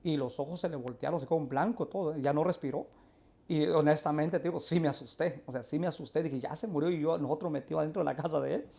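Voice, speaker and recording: Earnest pastor. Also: male voice, fairly high pitch, quick pace, creaky, dark tone. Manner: earnest storyteller, acts out quoted dialogue. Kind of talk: telling a personal testimony.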